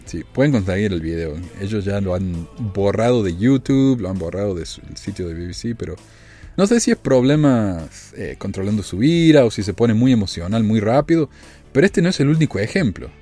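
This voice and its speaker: A man with a low, dark voice comments on the news in a casual, chatty way. His tone rises and falls a lot as he makes wry asides and rhetorical questions. Faint music plays behind him. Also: lively intonation, fairly quick. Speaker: podcast host.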